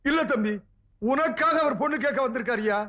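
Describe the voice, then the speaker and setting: A bride's father, with a very high voice. He pleads, scolds and lectures in fast comic banter. The old film soundtrack is dull. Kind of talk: 1990s film comedy dialogue.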